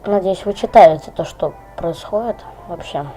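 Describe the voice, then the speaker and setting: A woman's voice: fairly low pitch, moderate pace, warm tone, soft background music, low-quality recording. A woman commentating her playthrough in a casual way, muttering and reading menus aloud. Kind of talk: casual play-along commentary.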